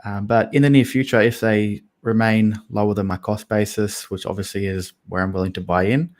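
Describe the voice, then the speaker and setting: A man with a low, deep voice co-hosts a casual investing podcast. He talks things through slowly and carefully, softening his points with small hedges. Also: level tone. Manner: thoughtful, hedging with "I guess" and "kind of". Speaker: podcast co-host.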